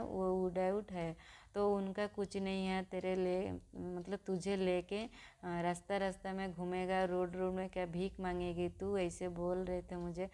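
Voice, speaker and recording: A young woman vlogger telling her own story to viewers in a halting, personal way, with frequent restarts. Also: mid-range voice, darkish tone.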